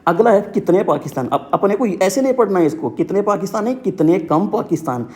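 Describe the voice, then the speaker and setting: Young man, teacher, slightly high voice, casual, repeats key words, memory tricks. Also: animated, fairly quick, a little mellow. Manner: repetitive, keeps saying "ठीक है". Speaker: exam coaching teacher.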